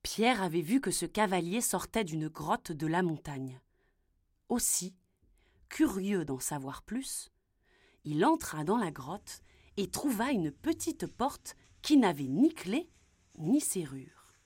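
Slow, expressive woman telling a fairy tale. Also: lowish voice, slightly rough, no room sound. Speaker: storyteller. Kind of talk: reading a children's fairy tale aloud.

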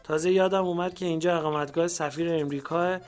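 A man narrating a literary memoir in a measured, storytelling reading. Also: on the high side, steady tone, clean tone. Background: faint background music.

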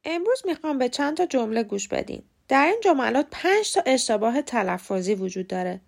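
Persian-accented woman, podcast teacher, fairly high voice, gravelly fry, spells words out slowly. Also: sing-song. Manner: spells out words letter by letter, repeats pronunciations slowly. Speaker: podcast host and English pronunciation teacher. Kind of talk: scripted language lesson.

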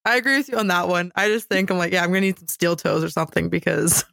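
A woman's voice: lowish voice, quick pace, gravelly, fairly bright tone, no room sound. A young woman co-hosting a podcast, reading out game questions and dropping dry wisecracks. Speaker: podcast co-host. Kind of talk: casual chat.

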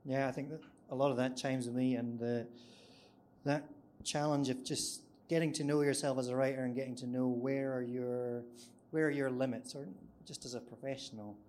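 A man's voice: medium pitch, steady tone, moderate pace, a little mellow, a little hiss or hum. A man on a writers' panel, speaking candidly and laughing at his own past nerves. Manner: candid, self-deprecating, acts out his own past worries. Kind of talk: live panel discussion.

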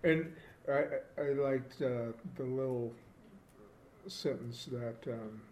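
Male co-host, measured and reflective, lots of fillers, roomy echo, faint hiss behind. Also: mid-range voice, darkish tone. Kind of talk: casual theological discussion.

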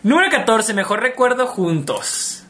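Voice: medium pitch, big pitch swings, normal speed, a bit bright. A podcast co-host with a Mexican accent, chatting casually, asking questions and interjecting during the other host's story. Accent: Mexican Spanish. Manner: reactive, asks questions and interjects. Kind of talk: casual chat.

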